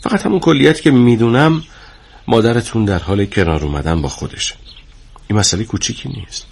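An actor playing a calm, kindly clinic therapist who speaks in a soothing, reassuring way. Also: male voice, lowish voice, gravelly. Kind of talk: TV drama acting.

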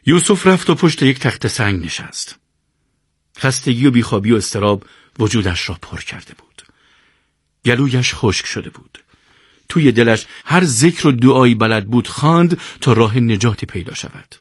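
Husky-voiced male storyteller. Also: medium pitch, dry recording, clean studio sound. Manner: animated storyteller. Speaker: narrator. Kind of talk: scripted audiobook narration.

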